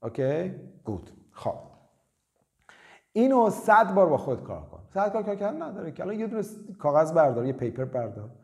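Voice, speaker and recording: A man teaching basic English in a casual, lively way, repeating short phrases for students to copy. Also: on the high side, vocal fry. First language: Persian. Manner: lively, drills phrases with repetition. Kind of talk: casual spoken lesson.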